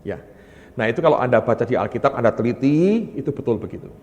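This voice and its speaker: A male pastor preaching a sermon, telling stories with lively energy and often addressing the congregation directly. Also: medium pitch, quick pace, dull audio. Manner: animated storytelling, often calling the congregation "brothers". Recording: long hall reverb.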